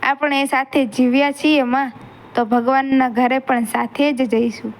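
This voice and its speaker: A woman's voice: high voice, little pitch movement, a little slow. A woman voicing a grieving young widow who pleads tearfully with her mother-in-law. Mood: pleading grief.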